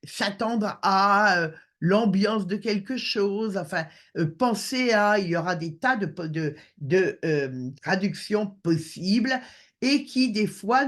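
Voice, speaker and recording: A man's voice: sits high, fairly bright tone. A man giving an online lecture over a video call, hesitant with many filler sounds.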